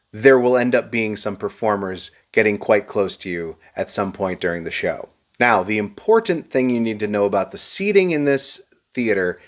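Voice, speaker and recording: Low-voiced man giving advice to camera. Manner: informative, advice-giving, dry sarcasm. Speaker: show reviewer. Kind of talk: direct-to-camera review.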